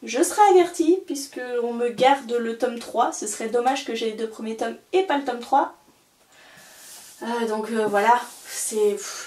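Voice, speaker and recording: This casual book haul vlog features a young woman whose voice is a little high with a darkish tone. She talks eagerly about the books she picked up, often using fillers and restarting sentences, while the roomy audio suggests she sits a little far from the mic.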